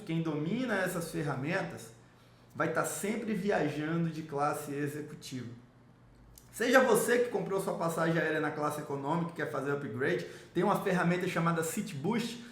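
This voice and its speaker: A man from Salvador, giving an enthusiastic, salesy explainer on travel rewards and speaking straight to the viewer. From Salvador, Brazil. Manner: enthusiastic salesy pitch, addresses viewer directly. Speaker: miles and travel rewards coach. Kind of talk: promotional explainer video. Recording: roomy echo.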